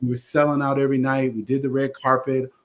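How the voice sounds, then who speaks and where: Male guest from Connecticut, chatty and animated anecdote teller, mid-range voice. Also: medium pitch, fast. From Connecticut, USA. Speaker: guest, attorney and theater producer. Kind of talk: casual storytelling interview.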